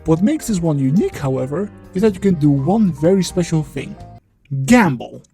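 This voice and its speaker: Man through a voice changer, mellow tone. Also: on the high side, very animated, slightly rough, faint music behind. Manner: blunt, sweary, loose and halting when off script. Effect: voice changer disguising his voice. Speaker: indie game developer. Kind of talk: devlog voiceover.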